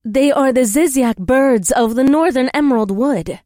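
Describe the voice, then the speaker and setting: An earnest young warrior princess, put on by a man reading a storybook, speaks in careful, formal phrases with no contractions. Her voice sits high above his own and comes out louder and fuller than the narration around her, dry and close. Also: moderate pace, dry recording. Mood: earnest, wondering.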